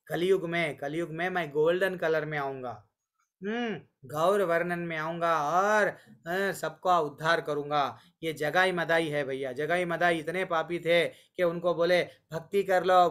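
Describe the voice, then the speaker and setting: A man teaching a scripture class online, telling stories and slowly chanting verses. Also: a little high, fairly bright tone. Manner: storytelling, voices quotes of deities and sages. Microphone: online call.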